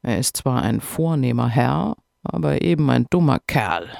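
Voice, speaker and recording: A man's voice: medium pitch, very animated, creaky, darkish tone, no room sound, studio quality. A man voicing a stubborn, cunning male hedgehog who talks in a pushy, emphatic way. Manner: pushy, emphatic, sometimes hurried.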